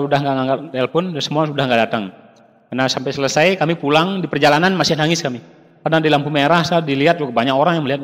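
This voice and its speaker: Man telling a story in a reverberant hall. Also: a little high. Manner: animated, acts out dialogue, addresses audience as Bapak Ibu. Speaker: guest speaker at a business seminar. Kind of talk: emotional testimonial storytelling.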